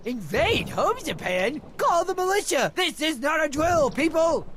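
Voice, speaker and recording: An actor playing a goofy, excitable, dim-witted cartoon athlete with silly mock-military bluster in a video game. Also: male voice, high voice, measured pace, a little hiss or hum, heavily acted. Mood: alarmed, rallying. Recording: music behind the voice.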